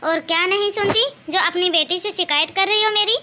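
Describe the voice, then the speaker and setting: A woman doing a rude cartoon sister-in-law, very high and bright, snappish, faint hiss. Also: a little fast. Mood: dismissive. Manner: snappish, dismissive. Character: sharp-tongued young sister-in-law, rude and lazy.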